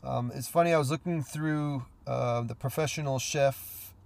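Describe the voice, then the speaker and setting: A man's voice: mid-range voice, normal speed, vocal fry, darkish tone. A man hosting a casual solo podcast about cooking, sounding stuffy from a cold and rambling with many fillers. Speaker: podcast host, cook.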